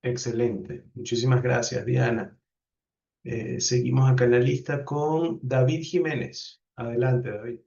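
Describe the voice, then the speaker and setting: Male professor, mid pitch, polite, unhurried, heard from a distance on a dull call line. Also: fairly even intonation, vocal fry, a little mellow. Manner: courteous, unhurried, thanks each speaker. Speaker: professor hosting an online class. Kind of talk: calling on participants in a video class. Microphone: video call.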